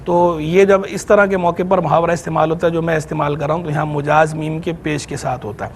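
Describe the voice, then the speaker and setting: A man's voice: on the high side, steady tone, brisk, a little hiss or hum. A man with a Pakistani Urdu accent, an Islamic scholar on a TV program, explaining religious rules and grammar patiently and methodically. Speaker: Islamic scholar answering questions. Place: TV studio.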